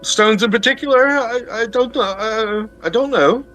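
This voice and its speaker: A man voicing a timid little male servant for a tabletop game, squeaky and pixie-like, with a hesitant stammer. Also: moderate pace, pushed and bright, soft background music. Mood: nervous, flustered.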